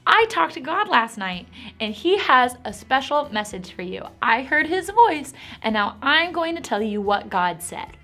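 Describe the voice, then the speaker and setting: A woman's voice: sits high, big pitch swings, unhurried, bright, forceful tone, exaggerated voice. A woman voicing an eager, earnest little boy in a children's Bible story.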